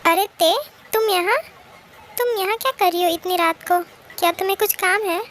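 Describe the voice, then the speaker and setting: A woman voicing a nervous young woman friend who frets and hushes others in a fan-made drama dub. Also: extremely high pitch, normal speed. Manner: fretful, hushing.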